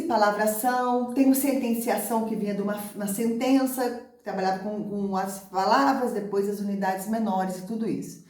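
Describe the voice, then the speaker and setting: A woman's voice: mid-range voice, a little mellow. A middle-aged Brazilian woman teacher talking to viewers about how she learned to read and about literacy methods, emphatic and repeating key words. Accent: Brazilian Portuguese. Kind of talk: personal talk to camera on teaching methods. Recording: echoey room.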